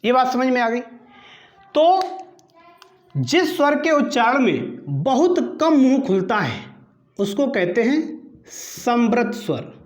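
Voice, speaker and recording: In a very high, sing-song voice, a man leads an exam-prep grammar lesson with roomy acoustics. He quizzes the class, answers his own questions, and repeats each term in a slow, deliberate drill.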